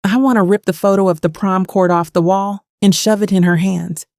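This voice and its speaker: An actress plays a haunted woman in her thirties who narrates her own story of old wounds as the lead of an audio drama, in first-person scripted narration. Her middling-pitched voice has a gravelly fry and a darkish, natural tone, steady and at normal speed. Bitter and brooding like an audio thriller, it's recorded close and dry with no echo.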